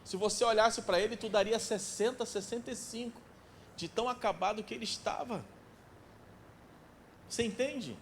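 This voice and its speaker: High-voiced forties pastor preaching. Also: male voice, moderate pace, pauses often, slight background noise. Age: 40s. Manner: emphatic, repeats key phrases, drops to soft pleading. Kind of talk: sermon. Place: church sanctuary.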